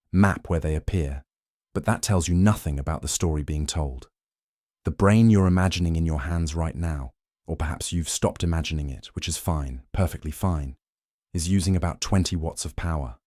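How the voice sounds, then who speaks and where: Really low mellow guy doing sleepy bedtime narration, gentle and soothing, super dry close sound. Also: no room sound. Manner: gentle, soothing, unhurried delivery. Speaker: narrator of a sleep science channel. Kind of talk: scripted bedtime relaxation narration.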